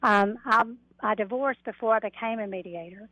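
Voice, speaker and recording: Over a narrow phone line into a radio program, a middle-aged mediator and coach describes what she does. She speaks at a moderate pace in a medium-pitched voice that is bright and forceful, with no echo.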